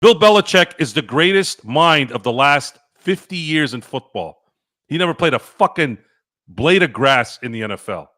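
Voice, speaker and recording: A man's voice: fairly high pitch, animated, moderate pace, sharp tone. A man hosting a sports talk show, ranting with heated, profane opinions. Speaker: sports podcast host.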